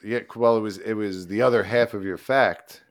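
A man's voice: on the low side, fairly even intonation, normal speed, dry recording, studio quality. A man co-hosting a podcast in casual chat, methodically reasoning through the scoring. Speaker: podcast co-host.

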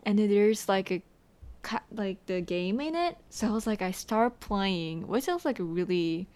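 A woman's voice: medium pitch, expressive, normal speed, darkish tone, clear, resonant tone. A young woman from Japan, speaking English as a second language with a Japanese accent, chatting as a podcast guest with frequent giggles and loose phrasing. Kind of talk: casual podcast chat.

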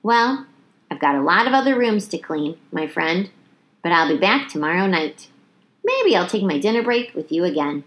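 Storybook night janitor, man voiced by a woman: friendly, jovial, exclamatory, very lively intonation. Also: fairly low pitch, moderate pace. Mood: kindly. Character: friendly, jolly male night janitor, chatty and playful.

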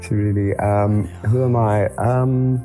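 A man's voice: lowish voice, fairly even intonation, takes it slowly, dark tone, faint music behind. A man from France, a singer-songwriter guest in an interview, answering thoughtfully with hesitant fillers.

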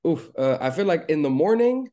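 A man from Lebanon talking as a podcast guest in a relaxed, rambling way with lots of fillers. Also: on the high side, brisk. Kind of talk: casual interview chat.

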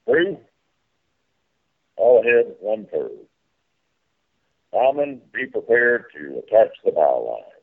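A man's voice: on the low side, very animated, takes it slowly, long pauses, phone-quality sound, full character voice. A man playing a folksy, hearty riverboat captain in a theme park ride spiel, calling to crew and passengers. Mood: commanding. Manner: folksy, calls orders to crew.

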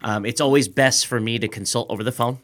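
A man's voice: mid-range voice, quick pace, a bit bright. A man speaking as a guest and security systems consultant, talking directly and straight to the point. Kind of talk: casual interview talk.

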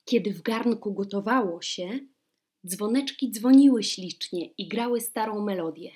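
Slow-reading woman storyteller. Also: mid-range voice. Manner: slow, expressive storybook delivery. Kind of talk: fairy-tale reading aloud.

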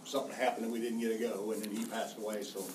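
An older man from Kansas chatting casually in a halting, reminiscing way. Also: fairly low pitch, little pitch movement, echoey room. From Kansas, United States. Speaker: class member. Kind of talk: casual chat. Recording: distant mic, noisy room.

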